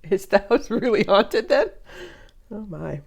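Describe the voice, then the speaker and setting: A woman's voice: mid-range voice, animated, measured pace, vocal fry, a little mellow, lo-fi sound. An older woman hosting a movie reaction video, chatting casually. She laughs often and repeats funny lines back.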